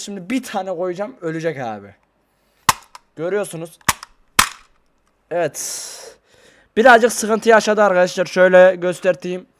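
A man talking casually to his viewers in a vlog, rambling and excitable, into a desk microphone. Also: high-pitched. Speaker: YouTuber. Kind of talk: casual vlog talk to camera.

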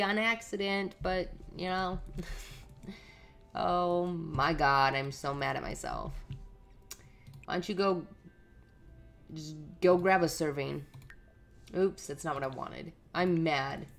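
A woman giving casual running commentary while playing a life-simulation game, chatting to the characters on screen. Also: on the low side. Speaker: let's play host.

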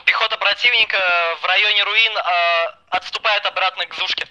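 Man, helmet radio, high piercing voice, clipped repeated military reports, game chat, slight noise and gunfire. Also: steady tone, brisk, sharp tone, lo-fi sound. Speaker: drone operator in online military game. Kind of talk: radio-style tactical reports during gameplay.

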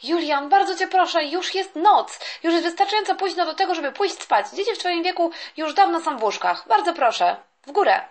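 Woman voicing a high, exasperated mom; pleading. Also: lively intonation, a little fast, hardly any pauses, slight background noise. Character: tired mother sending kids to bed.

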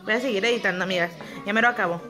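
A woman's voice: medium pitch, rapid-fire, music in the background. A young woman, chatting casually to her viewers in a home kitchen vlog. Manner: chatty, talks to viewers as friends. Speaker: vlogger.

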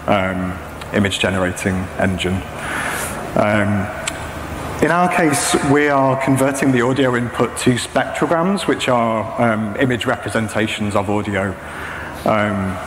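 This presenter, a man around thirty who plays saxophone and works in machine learning, speaks with a mid-range voice. His informal technical talk is hesitant and explanatory, delivered from a talk venue's indoor stage in front of a projection screen, with the hall echoey and noticeably noisy.

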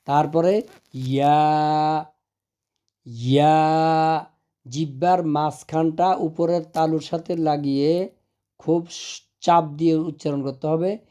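A man gives a slow, patient pronunciation lesson and stretches each letter sound out at length. His voice sits a little high and sounds smooth and clear. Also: steady tone, dark tone. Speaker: madrasa teacher.

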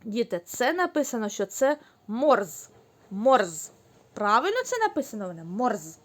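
A woman teaching young children, speaking slowly and clearly, drawing out the syllables. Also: a little high, big pitch swings. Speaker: kindergarten teacher. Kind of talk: recorded online lesson for young children.

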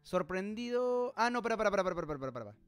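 Male host, high voice, reads a manga live and picks at the details; faint music bed. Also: big pitch swings, racing, fairly bright tone, dry recording. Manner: reads dialogue aloud, stops to puzzle over details; reads out chat comments. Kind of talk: reading a manga aloud with live commentary.

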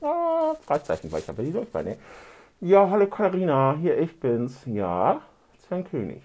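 A man's voice: a little high, very animated, normal speed, a little mellow. A man doing a rambling comic phone monologue, grumbling indignantly and tagging almost every phrase with a questioning "ne". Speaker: comedian in a fake phone call. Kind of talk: comedic monologue and one-sided phone call.

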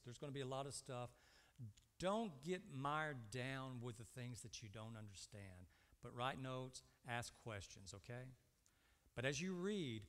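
Medium-pitched and fairly bright, this man in his fifties delivers an emphatic sermon from a church lectern. He asks the congregation short rhetorical questions, answers them, and repeats himself, with the reverberant room clearly audible.

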